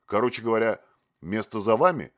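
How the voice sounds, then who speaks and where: A man's voice: lowish voice, expressive, fairly quick, pitched above the performer's own voice, natural voice. A man voicing an irritable, impatient man who snaps and interrupts. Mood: irritated. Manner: snappish, impatient. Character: irritable, impatient male bohemian.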